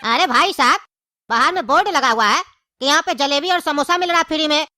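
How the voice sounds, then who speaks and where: A woman's voice: high-pitched, fairly quick, noisy background, close to an everyday voice. A woman voicing a cheeky, unmarried forty-five-year-old man in a cartoon, rambling and pleading. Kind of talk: cartoon comedy voice acting.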